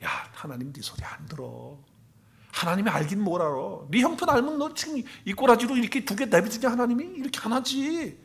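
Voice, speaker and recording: Man playing a scornful inner tempter, taunting questions, bright sharp tone. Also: very high-pitched, expressive, fast, few pauses, pitched above the performer's own voice.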